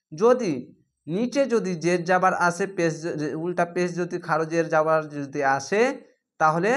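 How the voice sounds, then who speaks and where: A man teaching Quran reading, with a Bangladeshi Bengali accent, spelling words letter by letter and slowly stretching the recited words. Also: high voice, fairly bright tone.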